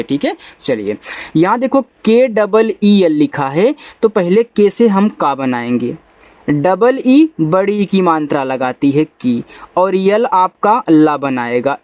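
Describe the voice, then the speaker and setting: A man's voice: high-pitched, darkish tone, dry recording. A man teaching beginners English spelling, patiently spelling out letters one by one and repeating himself.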